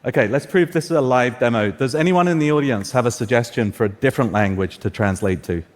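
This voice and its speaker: A man's voice: medium pitch, quick pace. A man whose first language is Persian, presenting a keynote demo in an upbeat, scripted way with light jokes. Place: large conference hall stage. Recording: long reverb of a large hall.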